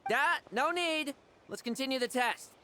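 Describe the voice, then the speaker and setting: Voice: high voice, moderate pace, pushed and bright, slight background noise. An actor playing a proud, defiant young knight, cocky and determined, in fantasy game dialogue.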